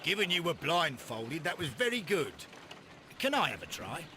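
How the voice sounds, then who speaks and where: Animated British police inspector. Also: male voice, fairly high pitch, normal speed, slight background noise. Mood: informative. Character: eager, deferential male Victorian police inspector. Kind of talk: video game voice acting.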